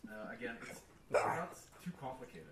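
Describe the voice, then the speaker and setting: A man hosting a podcast, excitable and swearing as he thinks aloud while playing a guessing game. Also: medium pitch, normal speed, heavy background noise. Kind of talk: casual chat. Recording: echoey room from far off.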